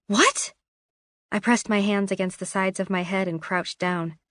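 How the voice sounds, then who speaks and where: A woman reads a first-person story in a measured, descriptive way. Her voice sits in the middle of the range for a woman and sounds dry and close, with no room echo. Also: medium pitch, fairly even intonation. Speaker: audiobook narrator. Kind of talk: scripted first-person narration.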